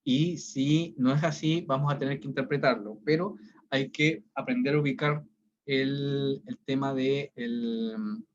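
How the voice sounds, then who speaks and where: A man's voice: medium pitch, steady tone, unhurried. A male teacher, giving an online reading class and explaining each step, often checking in with the students. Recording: dull lo-fi sound.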